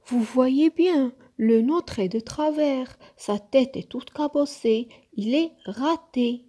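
A woman's voice: fairly high pitch, expressive, slow pace, mellow. A woman voicing a fussy, grumpy little boy who grumbles and insists in a storybook. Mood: insistent.

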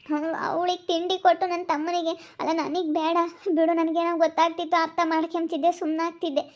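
A woman's voice: extremely high pitch, darkish tone. A woman playing a grieving, motherless young woman who tearfully accuses her aunt in a rural family drama, in a muffled lo-fi recording. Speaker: village family drama actress.

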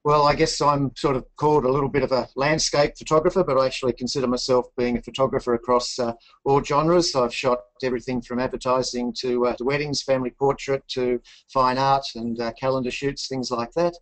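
A man's voice: mid-range voice, brisk, hardly any pauses, no room sound, rough recording. A man, a photographer and magazine publisher, chatting casually and joking as a webinar guest. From Australia. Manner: joking, relaxed, self-deprecating. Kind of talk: casual call chat.

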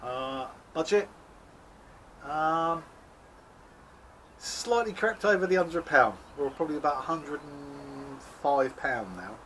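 Holding the camera near his face beside a shed on his allotment, this male vlogger talks in an animated but slow way, leaving long pauses. His slightly high, somewhat bright voice carries self-mocking jokes, and he laughs at himself as he chats. Faint background noise is present.

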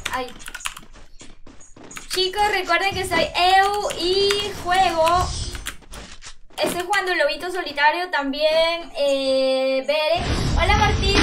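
A woman live-streaming a game from home, chatty and excitable, greeting viewers by name. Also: very high-pitched, noisy background. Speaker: gaming streamer. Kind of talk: live-stream chat while gaming. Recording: distant mic under loud game music.

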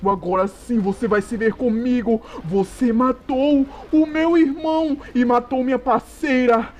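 A man voicing a fierce, grieving father T. rex. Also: very high voice. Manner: loud, impassioned and wailing. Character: protective father sword Tyrannosaurus, grieving and fierce.

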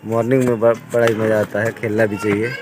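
On a foggy morning walk, a young vlogger films with a handheld phone and casually chats, constantly directing viewers' attention to what's in view. He talks a little fast in a fairly low voice with little pitch movement, while street noise and passing vehicles come through clearly.

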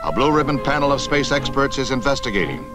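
A man's voice: medium pitch, big pitch swings, quick pace. A man narrating an old newsreel as a formal, solemn studio announcer. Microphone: studio voice-over. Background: loud music.

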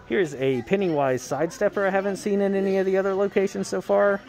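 A man's voice: high-pitched, steady tone, quick pace, soft background music. A man vlogging as he walks through a large Halloween store, enthusiastically reviewing the props and their prices. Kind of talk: casual handheld walkthrough commentary. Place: large empty retail store, indoors. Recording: loud store noise around the mic. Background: loud noise from props and store.

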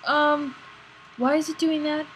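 A young woman co-hosting a casual gaming let's play, excitable and prone to jumpy yelps. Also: high-pitched, unhurried, a little hiss or hum, rough recording.

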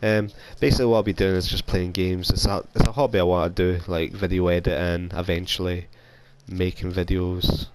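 A young Scottish man with a cold speaks in a low, flat voice, a little fast, against a noisy background. A gaming YouTuber, he provides casual, rambling, self-deprecating commentary on his video game over a console headset mic.

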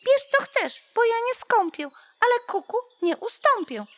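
A woman voicing a squabbling cuckoo in a children's storybook, shrill and indignant. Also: sing-song, normal speed, fairly bright tone, exaggerated voice. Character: loud squabbling cuckoo bird.

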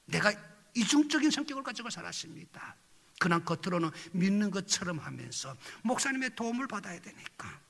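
A North Korean-born man preaching a testimony sermon in a church, moving from quiet low telling to loud impassioned outbursts. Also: big pitch swings, fairly quick, creaky, long reverb tail. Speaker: pastor. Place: large church hall.

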